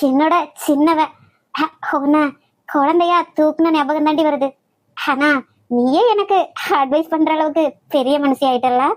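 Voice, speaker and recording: A woman voicing a hurt, hot-tempered elder sister who speaks slowly and low, with a Kanyakumari Tamil accent. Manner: slow, lower, subdued.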